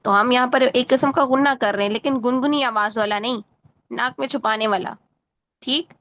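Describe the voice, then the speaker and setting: A woman's voice: on the high side, fairly bright tone, a little hiss or hum. A woman teaching Quran recitation in an online lesson, correcting a student patiently and often checking that she follows.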